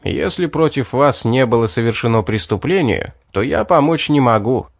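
A man voicing a blunt, tired town judge in a fantasy audiobook, gruff and matter-of-fact. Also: mid-range voice, animated, moderate pace, no room sound, studio quality. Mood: weary. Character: weary, blunt middle-aged town judge.

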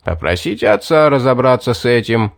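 A weary town judge from a fantasy audiobook, gruff and matter-of-fact, sighing his way through a dull case, as a man plays him in his own middle register. The voice is recorded dry and close, with no room sound. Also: medium pitch, animated, fairly quick, no echo.

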